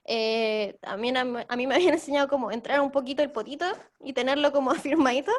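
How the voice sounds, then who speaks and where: A young Chilean woman presenting a theater workshop, explaining voice technique in a lively way and laughing easily. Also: sits high, quick pace. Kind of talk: online workshop talk.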